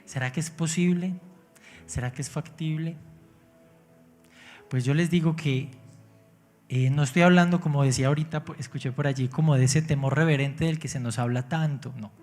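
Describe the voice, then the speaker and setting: A man's voice: on the high side, fairly even intonation, normal speed, pauses often, a little mellow, faint music behind. A man preaching a sermon, joking at his own expense and often asking his congregation questions. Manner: engaging, asks the congregation questions; humorous, self-mocking. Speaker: pastor. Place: church.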